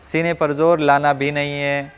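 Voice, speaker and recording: Patient teacher with echoey reverb. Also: male voice, fairly high pitch, level tone. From Rajasthan, India. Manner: patient, asks the class questions and models sounds slowly. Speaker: Quran recitation teacher. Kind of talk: classroom lesson.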